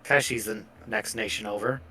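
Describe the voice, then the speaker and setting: A man running a tabletop game as game master over voice chat, talking in a relaxed, conversational way with quick asides. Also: lowish voice, soft background music.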